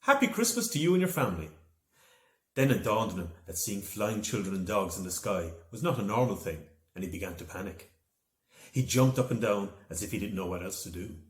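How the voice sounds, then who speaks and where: Reading aloud from his own novel, an author narrates a children's storybook in a lowish voice. His delivery is brisk, expressive and dramatic, and the room he's in gives off a noticeable echo.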